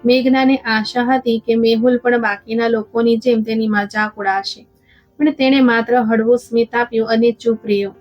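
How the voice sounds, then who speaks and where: A woman storyteller reading a scripted moral story in a calm, even way. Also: fairly high pitch, moderate pace, no room sound. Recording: dull lo-fi with faint music.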